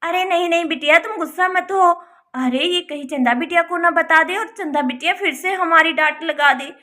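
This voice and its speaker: A woman's voice: very high-pitched, moderate pace, bright, forceful tone. A woman voicing a fussy older village aunt in a doll story, talking in a rustic, worried, scolding way. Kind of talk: Hindi doll-story voice acting.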